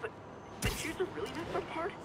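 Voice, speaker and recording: A man's voice: very high voice, brisk. An actor playing an agitated male caller to a talk radio show, heard through a clipped phone line and complaining in a rambling, indignant way.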